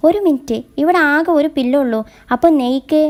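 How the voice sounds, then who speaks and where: A woman's voice: sits high, a little fast, close to an everyday voice. Woman voicing a shy, flustered young girlfriend. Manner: shy, eager, a little flustered.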